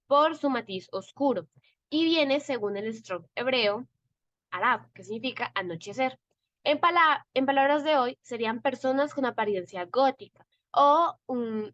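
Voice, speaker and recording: A woman's voice: a little high, fairly bright tone, no room sound. Woman class member reading aloud, muffled, dry. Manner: reads steadily, sometimes stumbles on words.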